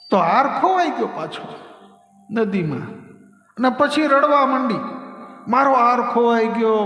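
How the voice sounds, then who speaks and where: A man with a Gujarati accent giving a devotional scripture discourse, telling stories in a lively way and acting out the quoted voices. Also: sits high. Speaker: Bhagavat katha storyteller. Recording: echoey reverberant hall.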